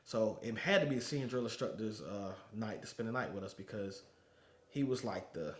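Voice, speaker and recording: Animated laughing man telling stories. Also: lowish voice, brisk, a little hiss or hum. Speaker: interview guest, former Marine. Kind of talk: casual storytelling. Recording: roomy echo.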